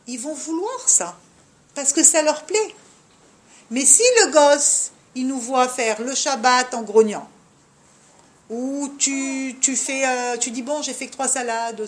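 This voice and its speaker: A high-voiced woman gives a spirited religious class to women, dropping Hebrew terms here and there as she speaks directly to them.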